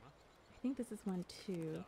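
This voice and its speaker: A woman's voice: lowish voice, lively intonation, measured pace, vocal fry, mellow. A woman speaking an English dub of a game director's commentary, casually walking viewers through a video game.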